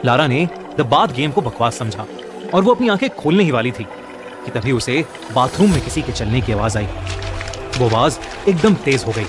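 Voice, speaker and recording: गहरी आवाज़ में हॉरर कहानी सुनाता आदमी, पीछे संगीत. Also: male voice, mid-range voice, big pitch swings, normal speed. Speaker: horror storyteller. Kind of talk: scripted narration of a horror story. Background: music.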